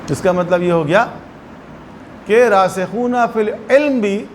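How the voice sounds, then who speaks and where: A man's voice: high-pitched, a little hiss or hum. A man with a Pakistani Urdu accent, a religious scholar giving a lecture who explains with little acted anecdotes.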